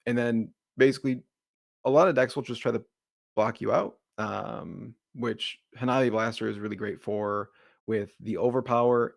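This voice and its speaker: Gravelly man with slight Boston accent. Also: mid-range voice, dry recording, clean studio sound. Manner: relaxed, rambling explanations with many fillers; jokes about his slight Boston accent. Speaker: deck builder, co-host. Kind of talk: casual card game discussion.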